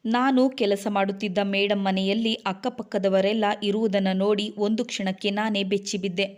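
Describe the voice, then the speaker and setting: Flat-voiced woman reading a sad story. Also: mid-range voice, moderate pace. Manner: sorrowful, steady reading. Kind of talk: first-person scripted story narration.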